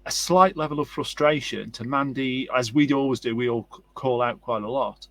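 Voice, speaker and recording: A man's voice: medium pitch, normal speed, a bit bright. Man hosting a casual interview. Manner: rambling storyteller, frequent affirmations. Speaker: host.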